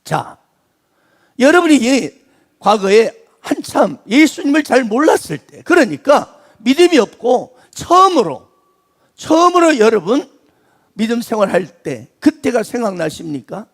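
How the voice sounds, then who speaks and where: Brief: male pastor with a very high voice, preaching a sermon with big dynamic swings down to near whispers. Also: very animated, a little slow. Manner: dramatic swings from emphatic to hushed, almost whispered.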